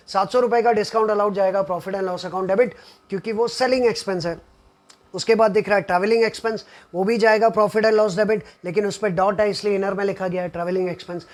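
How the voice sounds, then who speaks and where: A male commerce teacher with a Mumbai Hindi accent, explaining an accounting problem step by step, asking his students questions and answering them himself, and mixing in English terms. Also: high-pitched. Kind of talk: online accounting lesson.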